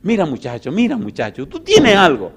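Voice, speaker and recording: A preacher doing a hearty executive. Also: male voice, high-pitched, huge pitch swings, moderate pace, breathy edge, full character voice. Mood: eager. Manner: hearty, inviting, bossy. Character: confident male sales executive, genial and commanding.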